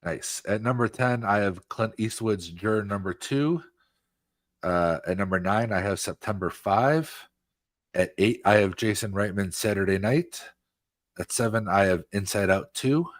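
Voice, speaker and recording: Male podcast co-host, lower pitch, dry close sound, casual filler-laden delivery. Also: measured pace, dry recording. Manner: casual, filler-heavy, animated. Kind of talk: casual film review chat.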